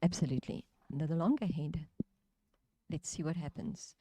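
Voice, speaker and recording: A woman's voice: low voice, normal speed, dark tone, slightly rough, no echo. A woman co-commentating on lawn bowls, making brief golf-style remarks on each shot. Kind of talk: live sports commentary. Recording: faint background noise.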